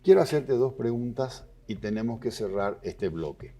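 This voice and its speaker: A man hosting an interview, asking measured questions and giving brief affirmations. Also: mid-range voice, animated, mellow. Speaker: host.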